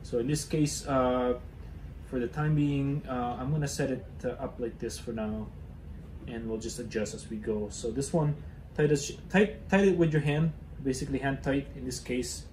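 A man's voice: medium pitch, fairly even intonation, moderate pace, a little mellow, echoey room, a little hiss or hum. Young man rambling through a garage how-to. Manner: hesitant, many fillers and restarts while working with his hands. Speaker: DIY car channel host. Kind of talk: casual how-to demonstration. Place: cluttered garage indoors.

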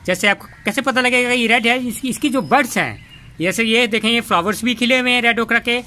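Bright-voiced man hosting a gardening tutorial. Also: very high voice, a little hiss or hum. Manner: halting, many fillers and restarts. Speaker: gardening channel host. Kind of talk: casual hands-on garden tutorial. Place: home garden, outdoors.

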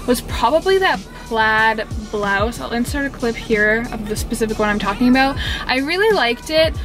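A woman's voice: fairly high pitch, expressive, normal speed, over music. A young woman in her twenties chatting casually about a shopping haul from inside a parked car. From Canada. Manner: chatty and upbeat, often says "like". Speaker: fashion vlogger. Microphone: camera on the dashboard.

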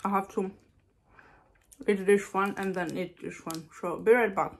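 Speaking a little slowly in a steady, mid-range voice, a woman in her thirties chats casually on camera from a small room at home. She's the solo host of a vlog where she takes on a candy challenge.

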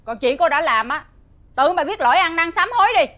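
A woman's voice: high-pitched, animated, fairly quick, fairly bright tone. An actress playing a stern, commanding mother-in-law who runs a wealthy household, faint music behind. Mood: scolding. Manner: stern, scolding. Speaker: household mistress.

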